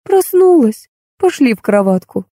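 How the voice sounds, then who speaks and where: A woman's voice: a little high, lively intonation, moderate pace, warm tone, no echo, studio quality, voice pushed up. A woman voicing a fussy, soothing older nanny in an audiobook. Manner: fussing, soothing.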